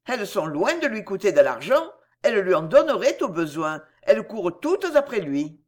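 A woman's voice: mid-range voice, big pitch swings, normal speed, a little mellow. A woman reading a storybook and voicing a young aristocratic man who gossips in a sly, mocking way. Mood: insinuating.

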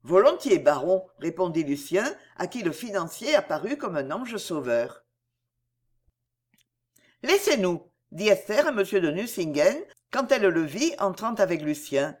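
A woman narrating a classic novel as an audiobook, in an expressive, measured reading. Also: lowish voice.

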